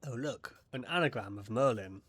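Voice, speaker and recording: A man's voice: mid-range voice, normal speed, a bit bright, breathy edge. A man casually commenting while playing a game, making chatty, wry asides to what the narrator says. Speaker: game streamer. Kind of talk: casual let's-play commentary.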